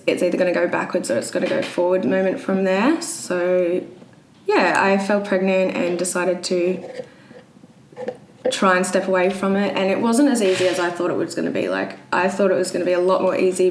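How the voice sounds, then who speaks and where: Woman, 20s, Queensland Australian accent, slightly low pitch, hesitant casual storytelling, roomy recording with some noise. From Brisbane, Australia. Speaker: interview guest. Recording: roomy echo, audible background noise.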